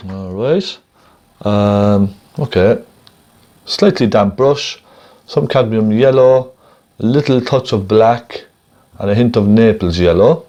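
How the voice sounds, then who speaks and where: Heard through lo-fi sound, a man with a fairly low voice gives a relaxed painting demonstration in stages. He's a gentle, encouraging teacher who thinks aloud at an easy pace.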